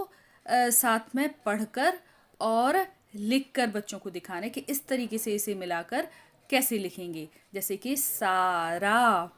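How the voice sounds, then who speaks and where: A woman teacher from India explaining a lesson step by step, pausing often with fillers and drawing out example words as if for young children. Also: a little high. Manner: slow, halting explanation with many filler pauses; models words for children in drawn-out syllables. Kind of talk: teacher training walkthrough of a workbook lesson.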